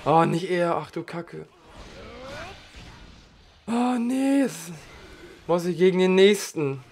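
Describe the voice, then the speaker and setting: Casual gamer guy, slightly hoarse, gravelly and a touch high, chatting slangily over gameplay. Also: lively intonation, slow, a little mellow. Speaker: gaming channel host. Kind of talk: let's play commentary.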